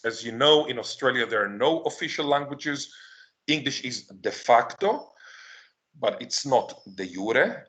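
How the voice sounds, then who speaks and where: A man whose first language is Hebrew delivers an academic lecture in a mid-range, fairly bright voice. He answers his own questions emphatically and slows down to stress key words.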